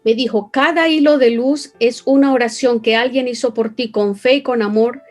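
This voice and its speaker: A woman's voice: a little high, steady tone, moderate pace, soft background music. A Venezuelan woman with a Venezuelan accent, earnestly telling an emotional personal story as an interview guest. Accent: Venezuelan Spanish. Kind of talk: personal testimony.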